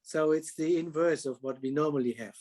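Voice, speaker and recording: A man with a somewhat high voice asks questions at a panel. He speaks haltingly, often repeating words before finishing his thought, and his phrasing is slightly non-native. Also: warm tone. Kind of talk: conference panel talk.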